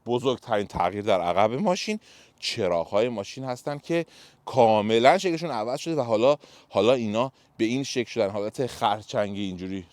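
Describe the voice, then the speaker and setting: A man walking around a car and reviewing it in a casual, opinionated way as he points out details. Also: medium pitch. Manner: chatty, opinionated, pointing things out.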